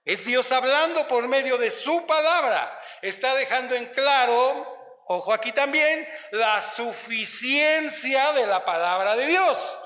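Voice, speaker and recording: A man preaching a sermon in a measured way, often calling listeners beloved brother and checking in with tag questions. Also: very high voice, expressive, bright, forceful tone, echoey room, big-room sound. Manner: slow, measured delivery with stretched emphasis. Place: church sanctuary.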